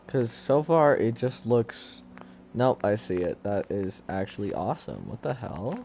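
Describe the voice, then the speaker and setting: A man's voice: fairly low pitch, sing-song, measured pace, vocal fry, mellow, slight background noise. A man streaming a video game live, who chats loosely to himself and swears as he sorts his gear. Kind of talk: casual gameplay commentary.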